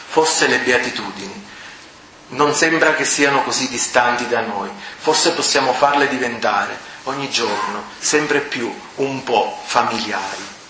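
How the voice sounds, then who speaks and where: Man, fervent preacher, bright forceful voice, echoey hall, faint background ambience. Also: mid-range voice, a little hiss or hum. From Sicily. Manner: fervent, swells to near-shouting at key words. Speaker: preacher at a prayer group. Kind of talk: sermon.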